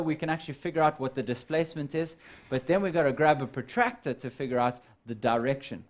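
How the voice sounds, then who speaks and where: A man teaching a live physical sciences lesson, walking students through measurements and calculations and calling them "guys". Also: a little high. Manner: step-by-step explaining, addresses students as guys.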